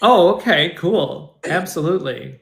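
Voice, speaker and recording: A man's voice: on the high side, expressive, a little slow, creaky, fairly bright tone. A man hosting a casual interview, easygoing and supportive, telling stories in a rambling way. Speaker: host. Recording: roomy echo.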